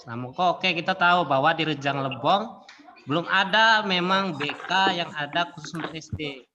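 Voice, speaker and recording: A man's voice: fairly high pitch, normal speed, crowd noise. A man speaks politely on an online class call, and his audio keeps cutting out and breaking up. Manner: polite, asks permission before speaking. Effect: choppy, breaking-up call audio. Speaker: student asking a question in an online class discussion. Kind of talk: casual academic discussion. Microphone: video call. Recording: muffled lo-fi online call line.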